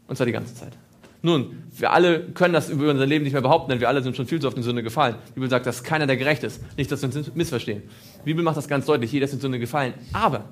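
A man preaching a sermon, asking his listeners questions and repeating phrases for emphasis. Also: on the high side.

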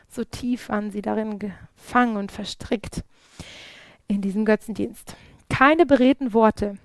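A woman's voice: medium pitch, no room sound. Woman preaching a bible study, earnest, lots of ums and restarts, mid voice, dry close sound. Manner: earnest, with frequent fillers and restarts.

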